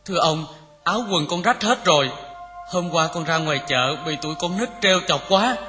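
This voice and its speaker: An actor playing a poor, kind young farmhand who speaks timidly and politely. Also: male voice, on the high side, expressive, brisk, over music, lightly acted.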